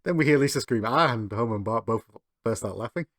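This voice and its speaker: A man's voice: lowish voice, fast talker, no echo, studio quality. A man co-hosting a podcast, recapping a cartoon episode and stringing events together with many fillers.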